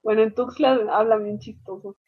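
Husky Mexican woman on a tinny line. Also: a little high, normal speed. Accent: Mexican Spanish. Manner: animated storyteller, acts out shouted quotes. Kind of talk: casual chat. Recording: phone-like lo-fi line.

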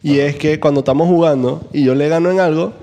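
A man chats and jokes with his friends. His voice is notably high for a man, and he will break into loud impressions at times. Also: fast talker. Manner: joking, bursts into shouted impressions. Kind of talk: casual comedic chat.

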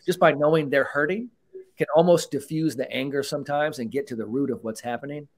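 The voice is a man's, pitched a little higher than most men's, and it comes across lively and loose in a casual podcast chat. He swears freely and keeps slipping into little acted-out voices of other people as he makes his points. He talks like a coach who is walking police officers through the mental side of the job. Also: brisk.

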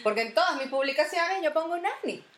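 A woman's voice: high-pitched, brisk. Chatty Venezuelan woman, echoey room. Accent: Venezuelan Spanish. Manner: animated storyteller, acts out voices in anecdotes. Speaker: podcast host. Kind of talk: casual podcast chat.

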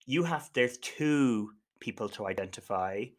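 A man co-hosting a podcast and running a quiz in casual chat, teasing and animated. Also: lowish voice, measured pace. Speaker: podcast co-host, quizmaster.

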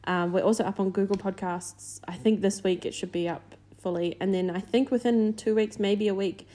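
Young female co-host, casual and giggly, mid-pitch, sound muffled under a blanket. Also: steady tone, moderate pace, warm tone. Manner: chatty, laughs often, trails off. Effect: muffled, recorded under a blanket. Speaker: podcast co-host. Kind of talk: casual chat.

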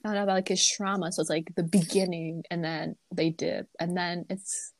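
A woman co-hosts a podcast, chatting casually and rambling with lots of "like" fillers. Her voice is on the low side with little pitch movement and a moderate pace, and there's no room sound.

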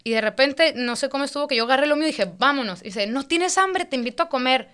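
A woman, co-hosting a podcast, telling a story in a slangy, animated way and acting out the quoted voices. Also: high-pitched, fast talker. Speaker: podcast co-host. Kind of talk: casual storytelling chat.

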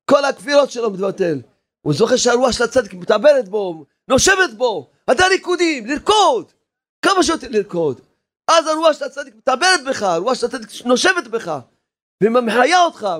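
A rabbi preaching a fervent sermon, repeating phrases and urging his listeners, sometimes shouting. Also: very high voice. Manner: impassioned, repetitive exhortation, sometimes shouting.

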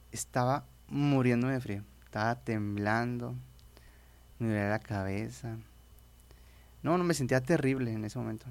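A man's voice: medium pitch, no room sound. A young Mexican man with a Spanish accent from Mexico, telling a personal faith testimony in a rambling, casual way with frequent restarts. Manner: rambling storyteller, many restarts, says "brother". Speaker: guest.

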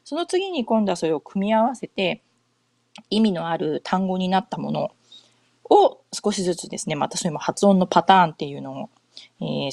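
A woman's voice: lowish voice, creaky, a little mellow, no echo. A middle-aged woman from Japan hosting a casual podcast chat, talking in a loose, rambling way with many fillers and self-corrections. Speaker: podcast host. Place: home in North America.

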